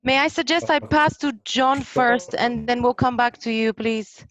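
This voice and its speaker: A woman moderating an online panel over a video call, polite and brisk in handing over the floor. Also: on the high side, fairly bright tone. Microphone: computer mic on a video call. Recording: dull, dry video call audio.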